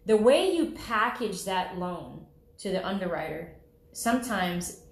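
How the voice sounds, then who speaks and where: A woman's voice: lowish voice, animated, a little slow. A woman loan officer explaining the home loan process in a conversational way, often checking in with "okay?". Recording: roomy, echoey room.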